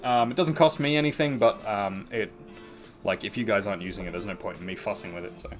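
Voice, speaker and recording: A man's voice: lowish voice, quick pace, soft background music. Rambling Australian man on a stream. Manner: rambling, full of ums and restarts. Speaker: art streamer. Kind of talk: casual live-stream chat.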